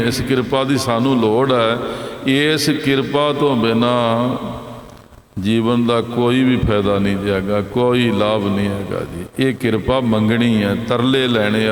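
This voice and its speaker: A man preaching a sermon to a gathered congregation, repeating his points and singing lines of scripture slowly. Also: mid-range voice, fairly even intonation. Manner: repetitive, exhorting, sings scripture lines slowly. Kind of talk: sermon with chanted verses. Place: large hall with congregation. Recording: echoey hall reverb.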